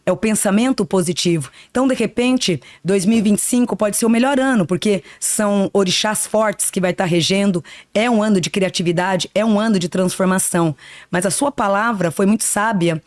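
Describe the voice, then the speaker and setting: A woman's voice: mid-range voice, fairly quick, a little mellow, no room sound, clean studio sound. A woman in her fifties, a psychic guest on a podcast, talking in an earnest, reflective way and often tagging "né". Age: 50s. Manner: earnest, reflective, spiritual talk with frequent "né". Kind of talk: podcast interview.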